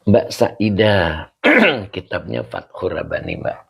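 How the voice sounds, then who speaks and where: A very deep, gravelly man's voice, with a husky edge and a lively, swooping pitch. He leads a relaxed online class at an unhurried pace, chatting with students by name and laughing easily. It comes through a video-call mic. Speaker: religious teacher.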